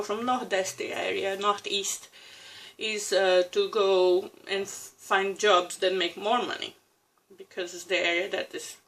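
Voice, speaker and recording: On a rough recording, a woman in her thirties from Brazil reflects aloud in a personal vlog, speaking to camera in a mid-range voice with a Brazilian Portuguese accent. Her casual talk has pauses, restarts and soft laughter.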